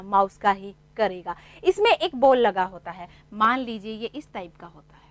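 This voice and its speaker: A woman teacher with a high, clear voice walks her class through the basics, patiently repeating each point and asking rhetorical questions. The sound is dry and close, with no room echo. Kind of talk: classroom lesson explaining computer basics.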